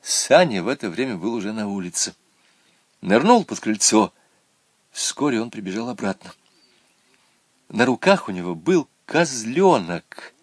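A man narrating a children's audiobook in a slow, expressive storytelling manner. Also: lowish voice, slightly rough, dry recording.

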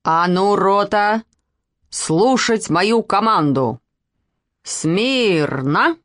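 A woman reading a storybook, voicing a boastful middle-aged military officer who barks drawn-out commands. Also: medium pitch, animated, fairly bright tone, no room sound. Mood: commanding.

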